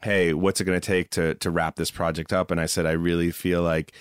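A man who created the show, talking in a relaxed, rambling way in a casual interview. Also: low-pitched, fairly quick, smooth, dry recording, studio quality. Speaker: show creator and musical director.

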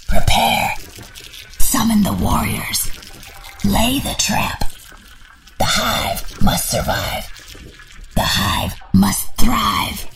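Gravelly alien hive queen. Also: medium pitch, fairly bright tone, distant mic, full character voice, low-quality recording. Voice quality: gravelly, creaking hiss. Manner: slow, halting clipped phrases. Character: menacing alien insect hive queen, ruthless, fiercely maternal. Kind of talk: dramatic sci-fi audio monologue.

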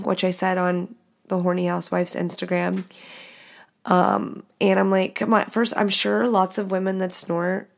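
Stuffed up with a cold, this podcast host talks at a medium pitch in a raspy, nasal voice. Her casual solo monologue is frank and profane, and she often laughs at her own expense.

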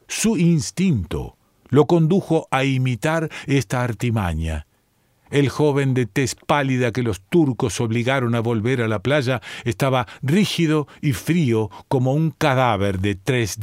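Male narrator, middle pitch, deliberate and unhurried reading of a literary tale, dry close sound. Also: darkish tone, dry recording. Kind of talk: audiobook story reading.

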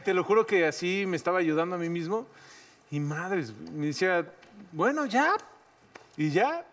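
Mexican man, high-pitched, blunt, cursing casually. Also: expressive, normal speed, far from the mic. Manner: blunt and profane. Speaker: show regular. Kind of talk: casual comedic chat.

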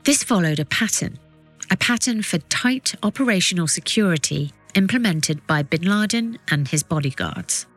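A woman reading scripted documentary narration as a podcast narrator, with measured, suspenseful storytelling. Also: fairly low pitch, animated, soft background music.

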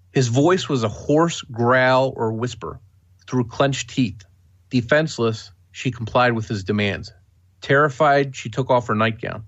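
A man co-hosting a podcast, reading a scripted true-crime narration in a steady, matter-of-fact way. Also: mid-range voice, highs cut off. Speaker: podcast co-host.

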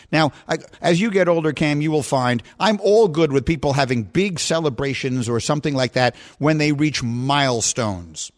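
A man in his fifties hosting a radio talk show, giving his opinions in a mock-outraged rant that keeps building in emphasis. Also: on the high side. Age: 50s. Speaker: radio host.

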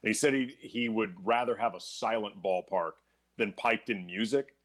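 A man's voice: lowish voice, normal speed, a bit bright. Man co-hosting a podcast, asking questions. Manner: conversational, questioning, with small laughs. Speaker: podcast co-host. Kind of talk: casual podcast conversation.

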